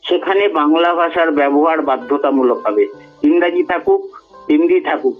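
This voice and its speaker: Man, earnest and emphatic, fairly high voice, tinny phone-like radio sound. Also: faint music behind. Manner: earnest, emphatic, speaks in measured phrases. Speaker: guest speaker. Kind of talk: radio talk on language.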